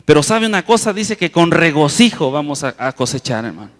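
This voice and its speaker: A male preacher delivering an impassioned sermon in a large auditorium, his voice ringing with long reverb. He sits a little high for a man, draws key words out slowly and then surges louder, calling out to his listeners again and again. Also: sing-song. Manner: impassioned, keeps addressing the congregation as "hermano"; stretches key words slowly for emphasis, with sudden loud rises. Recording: reverberant hall sound.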